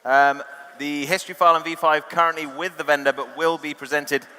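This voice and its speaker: A man's voice: fairly high pitch, fairly even intonation, a little fast, sharp tone. A man calling a live auction, chatty and joking with the bidders. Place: large reverberant auction hall. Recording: reverberant hall, amplified sound.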